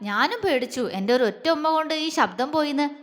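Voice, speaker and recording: A woman's voice: sits high, expressive, normal speed, a bit bright. Sneering young man, as a woman reads him. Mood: mocking. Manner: taunting, sneering. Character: arrogant, mocking young man. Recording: long reverb.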